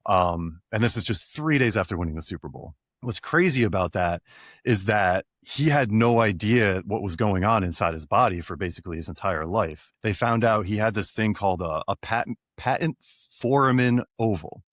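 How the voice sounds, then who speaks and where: Deep-voiced man telling a sports story. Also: animated, normal speed, a bit bright, no echo, studio quality. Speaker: podcast co-host. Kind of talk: casual storytelling.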